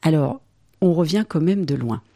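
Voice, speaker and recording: A woman's voice: low-pitched, animated, moderate pace, mellow, no room sound, clean studio sound. A woman presenting a radio press review, reading articles and adding wry asides. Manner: wry asides, light laughs.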